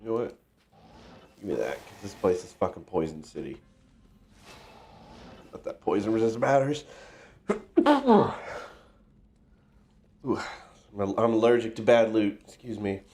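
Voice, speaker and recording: A man's voice: on the low side, normal speed, pauses often, warm tone. A congested man with a stuffy nose, chatting casually to himself and swearing offhandedly while streaming a game. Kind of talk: casual gameplay livestream commentary.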